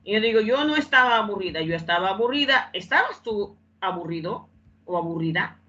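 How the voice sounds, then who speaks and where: A woman's voice: medium pitch, lively intonation, fairly quick, sharp tone, lo-fi sound. A woman teaching English in Spanish in an online class, repeating phrases and often checking that students follow.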